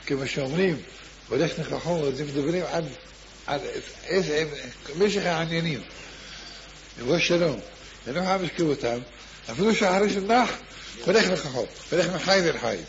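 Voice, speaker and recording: A man's voice: fairly high pitch, lively intonation, dull audio, a little hiss or hum. Male preacher telling a devout tale. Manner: repetitive, with frequent restarts. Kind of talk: sermon storytelling.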